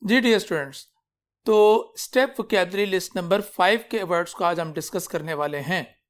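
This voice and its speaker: A man's voice: high-pitched, normal speed. A man teaching English in a recorded lecture. He explains patiently, repeats each point, checks in with his students and slips English phrases into his explanations. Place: teaching at a whiteboard.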